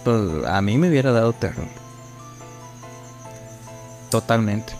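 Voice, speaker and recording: A man's voice: mid-range voice, unhurried, soft background music. A young Mexican man with a Mexican accent, co-hosting a podcast, animatedly telling a ghost story and acting out the voices in it. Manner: animated storyteller, acts out quotes. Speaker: podcast co-host. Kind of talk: casual chat, storytelling.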